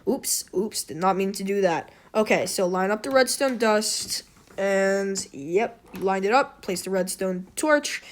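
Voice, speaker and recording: A woman with a hoarse throat and a slight wheeze hosts a casual, unscripted game tutorial. She rambles, apologizes often, and pokes fun at herself, speaking at a mid-range pitch for a woman.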